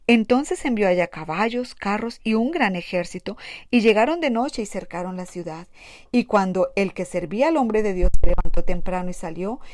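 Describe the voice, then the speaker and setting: Woman, Bible reader, mid pitch, dry close mic, steady plain delivery. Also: dry recording. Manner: plain steady reading with small restarts. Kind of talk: Bible reading aloud.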